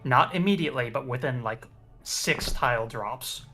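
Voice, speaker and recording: A man's voice: mid-range voice, normal speed, bright, forceful tone, faint music behind. A man reading game text aloud as narrator during a playthrough.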